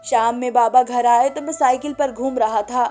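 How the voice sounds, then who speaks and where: A woman narrating a sad story in a soft, emotional storytelling manner. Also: fairly high pitch, steady tone, moderate pace, soft background music.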